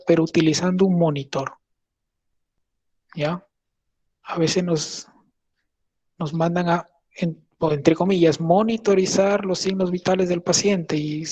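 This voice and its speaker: Husky young man giving a lesson. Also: on the high side, darkish tone. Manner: explains patiently, checks in with listeners often. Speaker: medical intern presenting. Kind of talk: conversational lecture.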